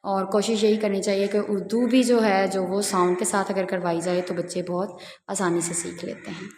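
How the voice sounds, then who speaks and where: A woman teaching the Urdu alphabet, calmly naming each letter and its half forms one at a time. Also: mid-range voice, normal speed, big-room sound, a little hiss or hum. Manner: patient, spells out letters one by one. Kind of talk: slow teaching walkthrough of letters.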